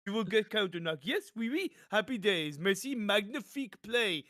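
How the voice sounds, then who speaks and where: A man's voice: sits high, sing-song, normal speed, bright, forceful tone, no echo, studio quality, voice pushed up, full character voice. Man putting on a smug French gamer voice. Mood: smug, gleeful. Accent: mock French. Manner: gleeful, mock-broken English. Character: excitable male French esports player, smug.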